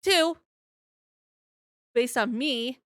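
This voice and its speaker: A woman co-hosting a podcast in casual chat, animated, swearing and laughing often. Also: high-pitched, extremely slow, no echo, studio quality. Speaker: podcast co-host.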